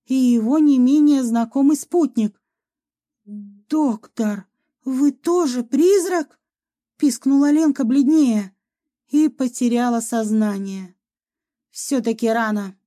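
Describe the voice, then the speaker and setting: Mellow-voiced woman narrating a story. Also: a little high. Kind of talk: audiobook narration.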